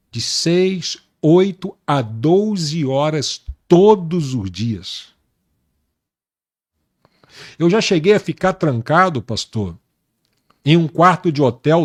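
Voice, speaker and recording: Earnest, slow-spoken man in his pastoral testimony. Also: a little high. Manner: earnest, slow and emphatic, repeating words for weight. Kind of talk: personal testimony in an interview.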